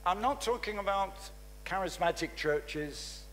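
A man in his seventies preaching a fervent, emphatic sermon with a handheld mic in a large church hall, pausing for an interpreter. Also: high-pitched, animated, a bit bright. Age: 70s. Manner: fervent, emphatic, exclaiming hallelujah. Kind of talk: sermon in English, interpreted line by line. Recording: long reverb of a large hall.

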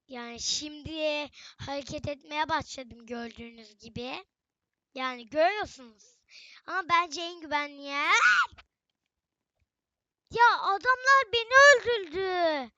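A woman's voice: high-pitched, pushed and bright, no echo, lo-fi sound. A young woman giving casual, chatty gameplay commentary, often exclaiming and talking straight to her viewers. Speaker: gaming channel host.

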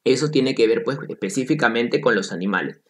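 A man's voice: medium pitch, lively intonation, brisk, fairly bright tone. A man teaching an exam-prep biology class in Peruvian Spanish, playful and repeating key points while calling on students.

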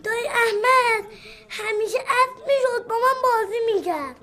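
A man's voice: very high-pitched, bright, forceful tone. An actor playing a young boy who misses his father, pleading and tearful. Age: child.

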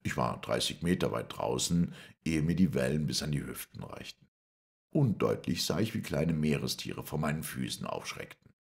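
Male audiobook narrator, extremely deep voice, lively dramatic reading. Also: normal speed, gravelly. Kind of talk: scripted first-person narration.

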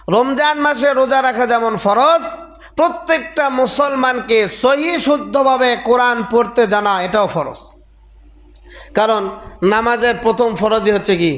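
Mufti doing a friday sermon, really high voice, keeps asking the crowd questions, echoey hall. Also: male voice, a bit bright. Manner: rhetorical questions to the congregation; emphatic, repetitive preaching cadence. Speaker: mufti preaching.

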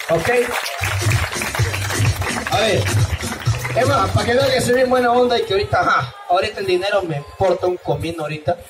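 A male street clown hosts with silly, teasing patter in a high voice. He works the audience like a showman. Loud music plays and the sound is echoey, out in a plaza. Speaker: street clown, show host. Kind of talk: comic street show hosting with audience participation. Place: outdoor town plaza by a bandstand at night. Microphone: far camera. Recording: outdoor crowd noise, loud music, distant echoey mic. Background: loud music and crowd.

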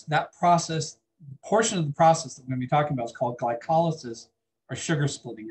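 A man teaching a biology lecture in a classroom, chatting with the class and asking students questions. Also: medium pitch. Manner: conversational, asks the class questions.

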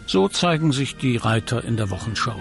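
A man narrates a documentary from a script in a voice of middle pitch. Music plays clearly behind his narration. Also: expressive, normal speed.

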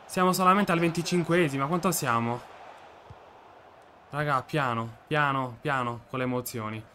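Excitable young man with a sore throat. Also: mid-range voice, normal speed, a little hiss or hum. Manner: swings from muttering to shouting at goals. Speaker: gaming video creator. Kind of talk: excitable football game commentary.

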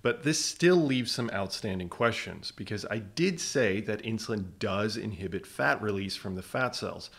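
Male science explainer, lower pitch, punchy rhetorical delivery. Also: lively intonation, normal speed, gravelly, hardly any pauses, fairly bright tone. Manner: emphatic, rhetorical questions. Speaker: science educator. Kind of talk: scripted explainer narration.

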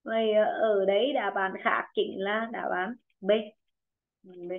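A woman teaching an online English pronunciation lesson with a Vietnamese accent, encouraging students and repeating words slowly for them. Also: mid-range voice, steady tone. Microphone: video call. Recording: tinny phone-like video call audio.

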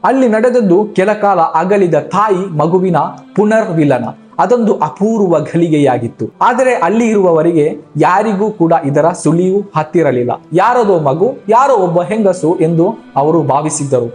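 A man narrating a religious story from a script in a measured, solemn way. His voice sits fairly high for a man. Soft music plays under the narration. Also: lively intonation.

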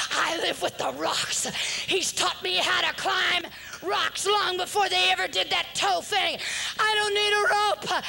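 Very high, bright-voiced woman preacher. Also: gravelly, poor audio. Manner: fervent, swinging between shouting and hushed whispers. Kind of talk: impassioned sermon.

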